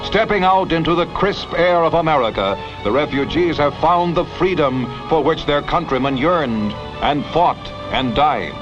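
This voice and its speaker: A man narrates in the dramatic, emphatic manner of an old newsreel, his voice pitched a little high. The sound is dull and lo-fi, like vintage film audio, with music playing clearly behind him. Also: expressive, normal speed, few pauses. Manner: dramatic, emphatic announcer delivery.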